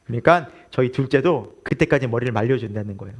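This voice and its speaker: A man's voice: mid-range voice, quick pace, breathy edge. A man in his forties preaching a sermon as pastor, telling a family story with laughter and asking the congregation questions.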